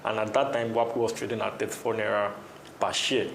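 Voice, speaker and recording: A young Nigerian man with a low, gravelly voice gives casual interview answers. His intonation stays quite flat, and the room echoes. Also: fairly quick. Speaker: interview guest, trading competition participant. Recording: echoey room, faint noise.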